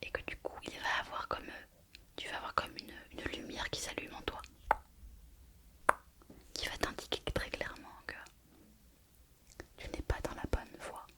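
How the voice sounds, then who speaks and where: A woman's voice: bright, forceful tone, lightly acted. A woman playing a mystical fortune teller in a whispered role-play, repeating her phrases as she reassures the listener. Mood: insistent, reassuring. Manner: slow, repetitive fortune-teller delivery, addressing the listener. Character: mystical female fortune teller reading horoscopes, mysterious and reassuring.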